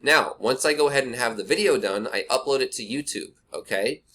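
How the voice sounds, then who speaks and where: A man's voice: mid-range voice, fairly quick, sharp tone. Blunt casual man on a webcam mic. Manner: blunt, rambling, talks to viewer directly. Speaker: online marketing instructor. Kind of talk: casual screen-recorded tutorial. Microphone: cheap webcam mic.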